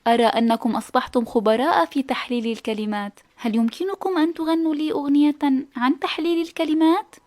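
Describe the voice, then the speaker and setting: A woman hosting a scripted children's lesson, speaking clearly and encouragingly. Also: sits high, fairly even intonation, quick pace, few pauses, darkish tone. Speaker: teacher host.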